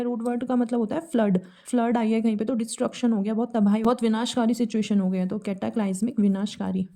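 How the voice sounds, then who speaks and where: Indian woman teaching vocab with memory tricks, warm mellow voice, a bit high. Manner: explains with memory tricks and little acted scenes; mixes English words into Hindi. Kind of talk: casual explanatory lesson.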